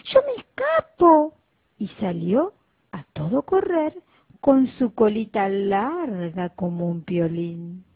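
A woman reading a children's story aloud, slow and expressive. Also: mid-range voice, husky, dry recording. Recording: tinny phone-like dry recording.

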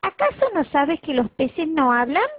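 A woman voicing a cheeky little female frog who croaks and teases, in a storybook reading. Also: high-pitched, sing-song, a little slow, no echo, pitched above the performer's own voice. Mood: teasing. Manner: teasing, croaking. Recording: tinny phone-like recording.

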